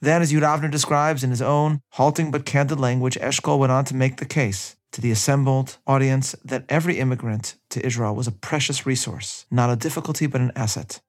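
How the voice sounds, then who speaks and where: A man narrating a scripted history episode at a measured reading pace, adding his own opinions. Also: mid-range voice, fairly even intonation. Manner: measured reading with personal asides. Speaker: history podcast host.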